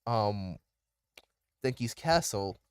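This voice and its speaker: A man's voice: lowish voice, animated, drawn-out words, clean tone, no echo. A man running a tabletop game as game master, laughing often and stalling with repeated restarts.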